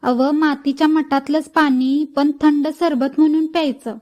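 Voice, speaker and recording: A woman's voice: high-pitched, fairly even intonation, unhurried, darkish tone. A woman voicing a bossy, talkative old village midwife who speaks in rustic village talk. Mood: coaxing chatter. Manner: rustic village speech, coaxing and scolding.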